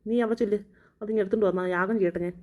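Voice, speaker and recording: A woman voicing a scheming, power-hungry old witch grandmother in a cartoon, who chants slow spells. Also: medium pitch, fairly even intonation, a little mellow, natural voice. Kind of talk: Malayalam cartoon dubbing.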